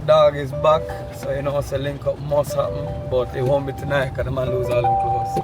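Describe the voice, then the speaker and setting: Loud excitable Jamaican man vlogging. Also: mid-range voice, moderate pace, loud music behind the voice. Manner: loud, excitable slangy talk. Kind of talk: casual vlog chat.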